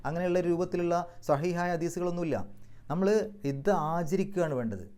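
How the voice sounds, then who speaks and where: A man giving a religious lesson, explaining recitation rules step by step and slowly chanting example words. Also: high-pitched, fairly even intonation, darkish tone. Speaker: Quran teacher.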